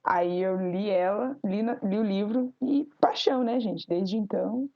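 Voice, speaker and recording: A woman in her twenties from Paraná, Brazil, chatting on a group podcast and telling stories in a lively way. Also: medium pitch, a little slow, no room sound. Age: 20s. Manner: lively, storytelling. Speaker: podcast co-host. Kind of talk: casual group podcast chat. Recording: dry, dull lo-fi recording.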